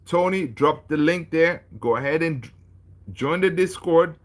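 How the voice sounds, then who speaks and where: A man's voice: fairly high pitch, a little slow. A man from Tanzania hosting a casual football livestream, chatting with viewers in a laid-back, chummy way and reading their comments aloud. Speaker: football channel host.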